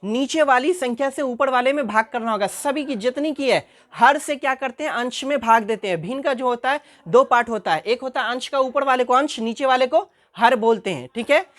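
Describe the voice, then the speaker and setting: Higher-pitched woman teaching math. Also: a little fast, hardly any pauses. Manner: asks questions and answers them herself, repeats key terms. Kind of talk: classroom math lesson.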